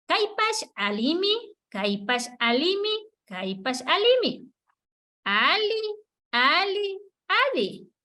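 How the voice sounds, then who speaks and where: A woman's voice: high voice, bright, forceful tone. A woman teaching an online Kichwa class, patiently repeating words for the students to echo. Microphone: video call.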